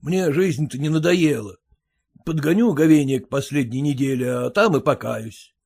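A man's voice: fairly high pitch, normal speed, vocal fry, a little mellow. A man voicing a fussy, self-important merchant husband who lectures and grumbles. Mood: grumbling. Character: pompous fussy merchant husband, fearful of typhus.

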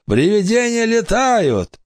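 A man's voice: high voice, sing-song, takes it slowly, no room sound, studio quality, pitched above the performer's own voice, full character voice. A man voicing a boastful, easily scared adult pirate with a raised, blustering voice in an audiobook. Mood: mocking. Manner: blustering, threatening. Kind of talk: audiobook character voice.

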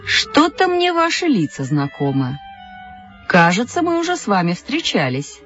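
A woman voicing a stern male police officer in an audiobook story, dropping her voice low and speaking slowly. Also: huge pitch swings, a bit bright. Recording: dull audio, faint music.

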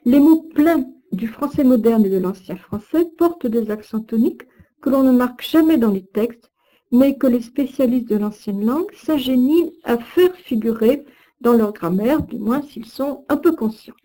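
A woman with a French accent giving a recorded lesson, with slow, careful, deliberate diction. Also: a little high, animated, dark tone. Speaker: teacher of Old French.

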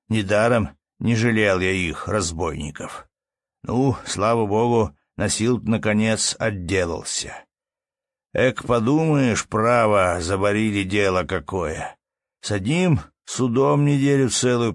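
A man doing a gruff pompous steward. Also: fairly low pitch, measured pace, no room sound, studio quality. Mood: bossy. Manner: bossy, grumbling orders. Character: gruff pompous estate steward, harsh and smug.

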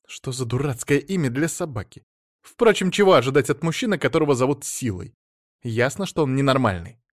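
A man's voice: medium pitch, animated, fairly quick, no room sound, studio quality, close to an everyday voice. A man voicing a silly, childish, vain young wife in a pouty, wheedling voice. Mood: shrill, indignant.

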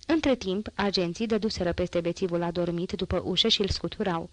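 A woman reads a classic novel as an audiobook, measured and literary. Her voice sits low and the recording is dry, close and studio-like. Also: steady tone, no echo. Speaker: audiobook reader. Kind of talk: audiobook narration.

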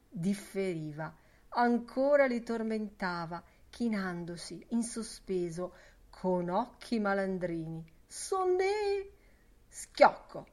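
A woman reading a literary novel aloud as an audiobook narrator, in a measured, deliberate way. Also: fairly low pitch. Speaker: audiobook reader.

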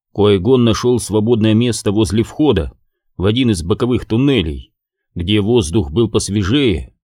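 A man with a low voice reads an audiobook at a steady, measured pace. The recording is dry and close, with no room sound. His delivery stays even through the narration. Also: no room sound.

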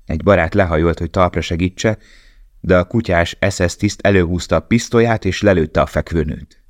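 Very deep-voiced male audiobook narrator. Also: a little mellow, no room sound, clean studio sound.

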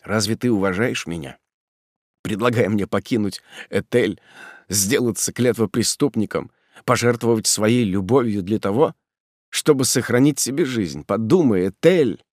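A man's voice: lowish voice, normal speed, no echo, lightly acted. Audiobook: male reader as a bitter condemned young man, cold and restrained, dry close sound. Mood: reproachful. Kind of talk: audiobook reading.

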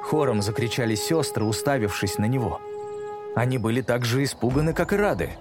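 A man narrating a children's story in a measured pace, slowing down for dramatic moments. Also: medium pitch, expressive. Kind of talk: audiobook narration. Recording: music bed under narration.

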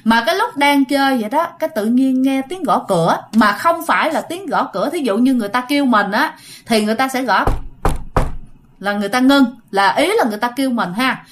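Telling a ghost story in a casual, chatty way, this woman with a Southern Vietnamese accent speaks straight to her listeners and acts out the shouts she quotes. Her voice sits high and animated, moving a little fast, with slight background noise behind it.

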